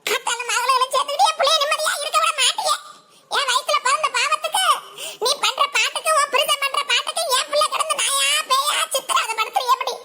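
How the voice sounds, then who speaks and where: A performer voicing an angry old village grandmother in a cartoon, with a Tirunelveli Tamil accent and a shrill, scolding way of talking. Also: steady tone, fast, pushed and bright, heavily acted. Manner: shrill, scolding, laughing through rants. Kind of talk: cartoon voice acting.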